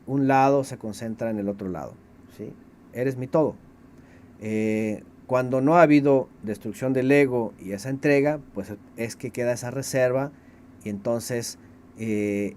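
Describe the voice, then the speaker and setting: A man co-hosting a faith teaching program, explaining calmly and reading passages aloud in a relaxed conversational way. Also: medium pitch, slight background noise. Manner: thoughtful, reads passages aloud. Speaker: Bible teacher.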